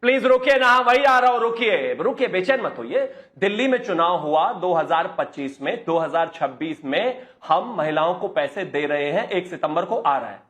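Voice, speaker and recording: Loud, mocking male debate spokesman. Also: high voice, animated, normal speed. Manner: loud, mocking, talks over others. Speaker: political party spokesperson. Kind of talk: heated TV panel debate.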